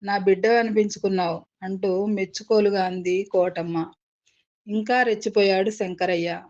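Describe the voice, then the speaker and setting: A woman narrating a novel as an audiobook in a dramatic, measured storytelling manner. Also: medium pitch, steady tone, a little mellow. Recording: dull lo-fi recording.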